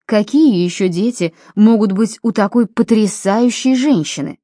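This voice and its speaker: A woman reading an audiobook, voicing a cheerful, smooth-talking middle-aged male dentist in a slightly lowered voice. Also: measured pace, no echo, studio quality, natural voice. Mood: flattering. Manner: genial, flattering, slightly lowered voice.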